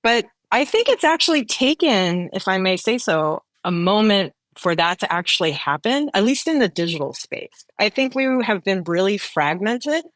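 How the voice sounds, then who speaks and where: A woman's voice: medium pitch, big pitch swings, normal speed, hardly any pauses, a bit bright, dry recording. A woman answering as a podcast guest, reflective and casual, often checking in with "right?". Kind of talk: conversational interview answer.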